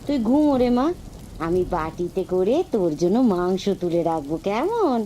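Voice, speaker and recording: A woman voicing a caring village mother in a cartoon, soft and fussing. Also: lowish voice, sing-song, moderate pace, slight background noise. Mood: tender. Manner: soft, fussing tenderness that flares into scolding. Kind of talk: cartoon voice acting.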